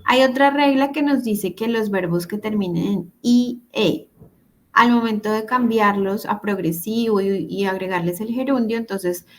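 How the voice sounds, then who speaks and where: Over a video call on a computer mic, a woman with a mid-range voice teaches an English grammar class at a moderate pace. She explains patiently and repeats her examples.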